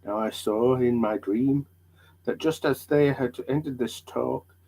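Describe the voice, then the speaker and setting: A man narrating an old allegory as a dramatic storybook reading, halting now and then over the words. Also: mid-range voice, creaky, mellow, slightly rough, low-quality recording.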